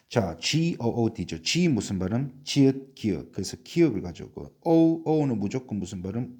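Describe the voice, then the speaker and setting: Slow, low-voiced male English teacher. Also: warm tone, husky. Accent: Korean. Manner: drills spelling and sounds with repeated call-and-answer questions. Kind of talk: phonics lesson for Korean learners.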